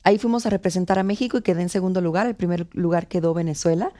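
A woman's voice: fairly low pitch, very fast. A woman in her thirties, born in Cuba and speaking with a Mexico City accent, telling stories as an actress guest in a casual interview, acting out quotes. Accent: Mexico City Spanish. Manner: lively storyteller acting out quotes.

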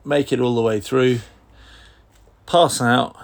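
A man's voice: mid-range voice, steady tone, slow pace. A man hosting an interview. He is a former army officer who prompts his guest and sums up the story so far.

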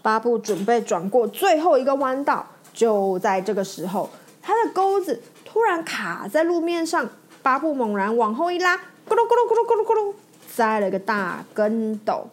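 A woman reads a children's picture book aloud, giving the story lively, expressive narration. Her voice is slightly higher than most women's, and she keeps the telling animated for young listeners. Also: normal speed.

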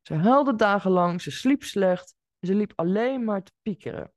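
A woman hosting her own podcast, telling a client's story in an expressive monologue spoken straight to the listener. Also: medium pitch, normal speed, dry recording, clean studio sound. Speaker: podcast host and coach.

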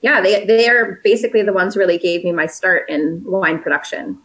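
A woman in her late twenties, originally from South Africa, talks as an interview guest. She is chatty and upbeat, with plenty of "like" and "um" in her speech. Her voice sits at a middle pitch for a woman. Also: steady tone, a little fast, a bit bright, rough recording. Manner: chatty and upbeat, lots of "like" and "um", laughs easily. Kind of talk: casual conversational interview.

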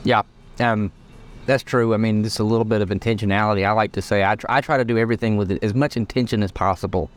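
A man's voice: fairly low pitch, steady tone, fast. A man hosting a casual podcast chat on a bakery patio, rambling and restarting as he searches for words. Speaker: podcast host.

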